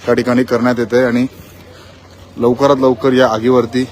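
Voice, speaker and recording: A man reporting live from the scene of a factory fire, in a quick, repetitive on-the-spot news style. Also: medium pitch, level tone, darkish tone, a little hiss or hum. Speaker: field reporter.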